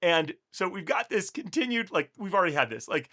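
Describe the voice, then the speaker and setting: A man talks through a Bible passage in a relaxed, conversational way, often restarting his sentences. His voice is bright and sits a little high. When he reads the verses aloud, he slows down deliberately. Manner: chatty and self-interrupting, reads scripture slowly. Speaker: Bible study host. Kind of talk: casual Bible reading and commentary.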